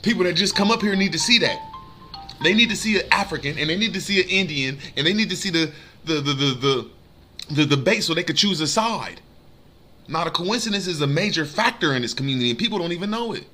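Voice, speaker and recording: Fast-talking brash man. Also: a little high, lively intonation, pushed and bright. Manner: rapid, brash, profane. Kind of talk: casual rant.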